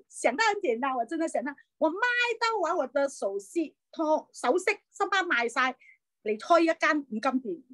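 High-pitched middle-aged woman, earnest heartfelt testimony, lots of um and uh, dry close sound. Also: no echo. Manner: earnest and heartfelt, with frequent hesitant fillers. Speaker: business leader sharing her story. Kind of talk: personal testimony talk.

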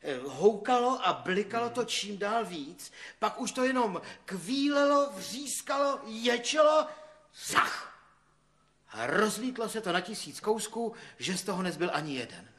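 A crafty village shoemaker with a wry streak. He chats in a high voice that swings up and down. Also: expressive, fairly bright tone. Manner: chatty, wry. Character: folksy, crafty village cobbler.

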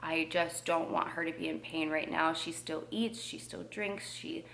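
A young woman vlogging a personal update at home, emotional and hesitant, pausing often with fillers. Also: sits low, steady tone, gravelly, fairly bright tone, slight background noise. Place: at home with her dog.

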